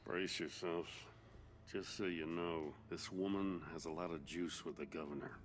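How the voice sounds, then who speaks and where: An actor playing a middle-aged, world-weary and plain-spoken police commissioner in a video game, loyal and easily indignant. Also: male voice, sits low, steady tone, moderate pace, slight background noise, lightly acted. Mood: resigned. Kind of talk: dramatic video game acting.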